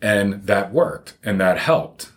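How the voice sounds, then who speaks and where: Male financial advisor as interview guest, low voice, plain-spoken and informal, explaining conversationally. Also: animated, slow pace.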